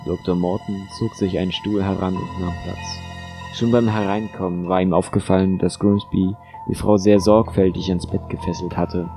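A man narrating a thriller audiobook in a steady, measured way. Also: low-pitched, music in the background.

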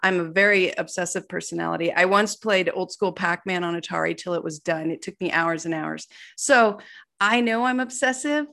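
Middle-aged woman, interview guest, mid-pitched, lively and self-deprecating, slips into voices for the people in her stories. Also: moderate pace, creaky. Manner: animated, self-deprecating storyteller who acts out quoted dialogue. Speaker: author guest. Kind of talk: casual interview storytelling.

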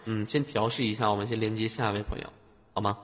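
A man's voice: fairly low pitch, level tone, fast. Northeastern Chinese man hosting, drenched in reverb. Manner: teasing, jokey, often laughing. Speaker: host of a live call-in show. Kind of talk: joking casual chat with callers. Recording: long reverb, loud background noise.

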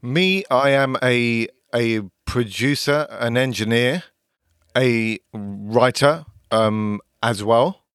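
A man's voice: medium pitch, slow pace, a bit bright, clean tone, dry recording, studio quality. A man co-hosting a podcast, talking casually about his work. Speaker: podcast co-host, record producer and engineer. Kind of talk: casual chat about career.

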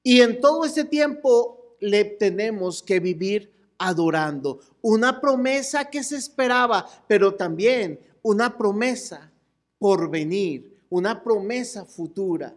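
A woman preaching to a congregation that includes children, asking them questions and now and then shouting out phrases. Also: medium pitch, slow pace. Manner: animated, asks the crowd questions and calls out with them. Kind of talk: sermon to a mixed congregation with children.

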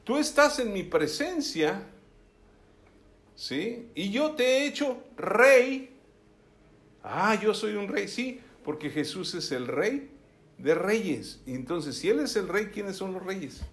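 A man's voice: high-pitched, sing-song, slow, a bit bright. A male preacher giving a sermon, reading scripture aloud and often checking in with his listeners. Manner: keeps asking the listeners "¿sí?"; reads scripture aloud with emphasis.

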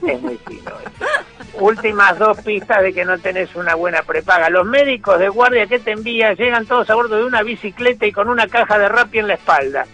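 High, bright Rioplatense radio satirist. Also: male voice, faint music behind. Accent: Rioplatense Spanish. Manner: mocking, sarcastic, rapid-fire jokes. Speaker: radio host and humorist.

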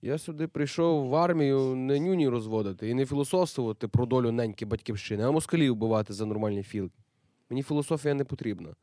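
A man's voice: medium pitch, quick pace, warm tone, dry recording, studio quality, lightly acted. A man playing a wounded soldier who talks back brusquely, slangy and dismissive. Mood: defiant. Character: young cynical wounded soldier, defiant, loner.

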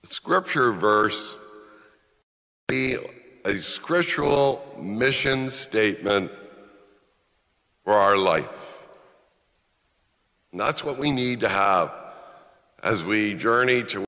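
Slow-spoken priest in a cathedral-like echo. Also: male voice, fairly low pitch, lively intonation, sharp tone. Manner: measured, deliberate phrasing with pauses and repetition. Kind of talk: Gospel reading and homily, slow and solemn. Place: large reverberant church. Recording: long reverberant cathedral-like church echo.

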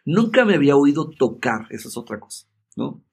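A man, a guest in a conversation, telling a personal story in an emphatic, animated way and often checking in with his listener. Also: on the high side, fairly quick, gravelly, slightly rough.

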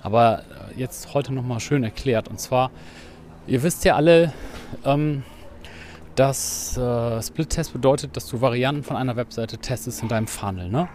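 A man's voice: mid-range voice, normal speed, a little mellow, slight background noise. A man hosting a casual podcast, explaining things with frequent tag questions while he is out running outdoors. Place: outdoors, on the move.

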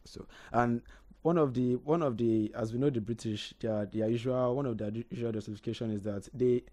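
A man's voice: mid-range voice, fairly even intonation, brisk, warm tone. A man co-hosting a casual history talk, often hesitating and repeating words as he thinks. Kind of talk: casual radio history chat.

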